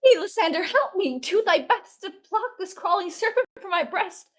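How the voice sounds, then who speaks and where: Woman doing a frightened young noblewoman, very high, crying out, amateur reading. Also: expressive, moderate pace, fairly bright tone. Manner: crying out in alarm. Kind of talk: amateur live-stream Shakespeare reading.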